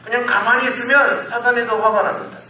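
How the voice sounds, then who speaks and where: A male pastor delivers a Sunday sermon in a high, bright voice, asking the congregation one rhetorical question after another. The sound bounces around a big reverberant church, picked up from some distance, with a faint hum of room noise underneath. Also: steady tone, fast. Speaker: senior pastor. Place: church sanctuary. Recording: echoey church hall, mic at a distance.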